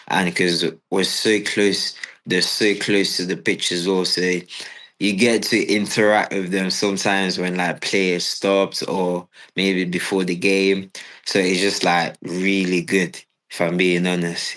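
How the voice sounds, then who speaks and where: A young man from Cameroon, a footballer answering interview questions in a relaxed, hesitant way with lots of fillers. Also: sits low, unhurried, low-quality recording. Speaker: footballer guest.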